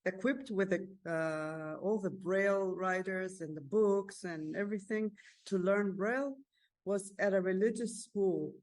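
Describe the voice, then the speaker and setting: Woman guest with an Israeli accent, reflective and halting, pausing to find the words. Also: medium pitch, darkish tone. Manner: thoughtful, hesitant, many pauses and restarts.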